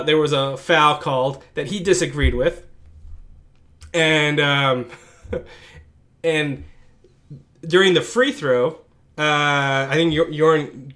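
Man, fairly high voice, podcast co-host, animated storyteller who laughs a lot. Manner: animated, laughing, recounts sports clips with asides. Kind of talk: casual storytelling chat.

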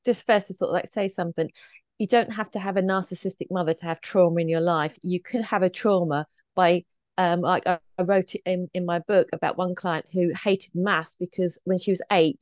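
Brief: woman guest, low-pitched, chatty coach who acts out voices, dry close recording. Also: darkish tone, no room sound. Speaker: podcast guest, trauma coach. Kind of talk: conversational interview answers.

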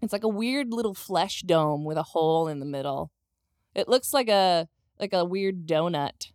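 A woman's voice: fairly low pitch, moderate pace, a little mellow, clean tone, no room sound, clean studio sound. A woman co-hosting a podcast in casual chat, laughing and reading listener messages aloud. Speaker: podcast co-host.

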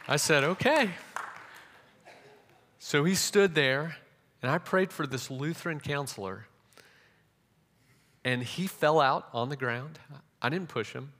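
A man's voice: a little high, unhurried, long pauses, a bit bright, a faint crowd, a little hiss or hum. A young man preaching a sermon, telling a story animatedly with frequent restarts. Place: church hall. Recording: reverberant church hall.

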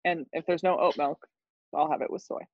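A woman's voice: low voice, steady tone, a little fast, dry recording. A young woman from Colorado, a guest in a casual chat, laughing easily and starting sentences with hesitation. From Colorado, USA. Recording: dull dry lo-fi call audio.

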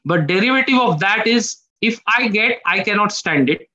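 A man with a high-pitched voice talks through a clinical case in halting, questioning phrases. The audio sounds dull and lo-fi. He often pauses and restarts mid-thought. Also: animated, sharp tone. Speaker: therapist presenting a case. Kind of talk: professional discussion.

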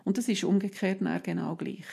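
A woman who calmly explains parenting advice, step by step, in a casual podcast chat. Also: medium pitch, fairly quick, vocal fry, husky.

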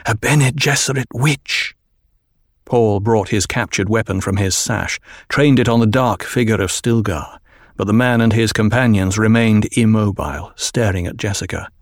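Man narrating an audiobook, measured. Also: on the low side, dry recording, clean studio sound.

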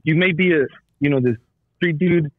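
Casting: male veteran phoning a podcast, sweary casual talker, dry and dull low-fidelity audio. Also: normal speed, no echo. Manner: profane, slangy, repeats himself. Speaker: military veteran calling in to a podcast. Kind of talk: casual chat. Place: calling from a garage.

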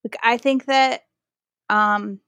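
A woman's voice: on the high side, slow pace, smooth, no echo, studio quality. A woman, a pastor, talking animatedly with lots of "like" fillers in a podcast interview. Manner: animated storytelling, frequent "like" fillers. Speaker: pastor and guest.

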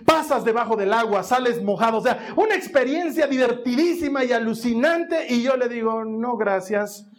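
A man's voice: very high-pitched, brisk. A man preaching a sermon, telling a family story and acting out every voice in it. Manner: animated storytelling, acts out voices.

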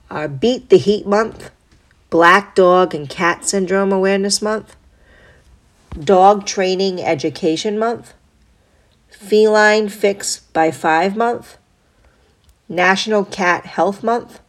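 Stuffed up with a cold, a podcast host with a low voice sounds clearly blocked in the nose as she works through a list on her solo show. Her reading is even and steady, broken up by the occasional quick aside.

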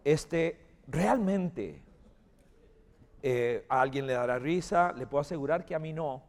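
A man's voice: a little high, measured pace, in a large hall. A man preaching a sermon, telling a personal story and leading prayer, calling on listeners to say amen. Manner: animated storytelling, calls for amens. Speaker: pastor.

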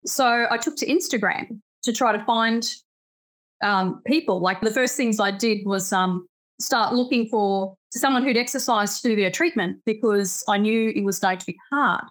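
A woman's voice: a little high, normal speed. A woman in her fifties with an Australian accent, a physiotherapist chatting as a guest in an upbeat way. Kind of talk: conversational interview.

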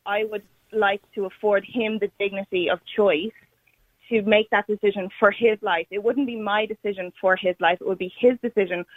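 A woman calling in to a radio debate over a phone line. She speaks earnestly and haltingly, restarting her sentences and filling them with "like" and "you know". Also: mid-range voice, fairly even intonation, dry recording. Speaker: radio caller. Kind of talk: call-in debate. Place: calling in by phone, not in the studio.

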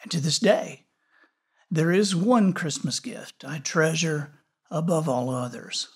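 Reflective male narrator, unhurried, slightly raised voice, gentle with quiet whispered moments. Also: a little high, animated, gravelly, breathy edge. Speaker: storyteller. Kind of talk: scripted narration.

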